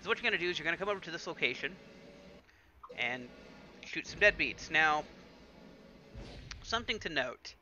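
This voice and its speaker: Bright, chatty let's play host. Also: male voice, fairly high pitch, expressive, moderate pace, long pauses. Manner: chatty, with fillers like "alrighty" and "uh". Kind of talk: casual game commentary.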